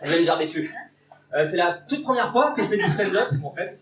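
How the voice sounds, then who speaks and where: Speaking at a high pitch, expressively and quickly, a young Bordeaux comedian fumbles through his debut stand-up set with nervous, self-mocking rambling. The live venue with its audience sounds echoey and noisy, recorded from far away.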